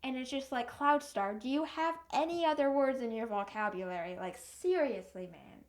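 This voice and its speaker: A young woman giving a casual, rambling book review rant in an exasperated, animated way. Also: high voice, normal speed.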